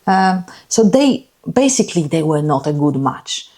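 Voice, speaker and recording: A woman from Poland, a guest telling her life story in a podcast interview, earnest and halting, often repeating her words. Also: deep voice, sing-song, a little mellow.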